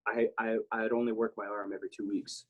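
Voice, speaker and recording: A man's voice: lowish voice, level tone, fairly quick, narrow, tinny audio. A man from South Texas talking casually as a podcast guest, candid and rambling, swearing freely. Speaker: guest, military veteran.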